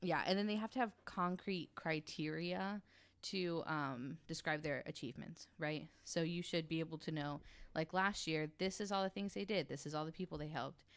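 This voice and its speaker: A woman on a podcast panel explains things casually, frank and informal in how she speaks. Her voice is low-pitched and moves at normal speed.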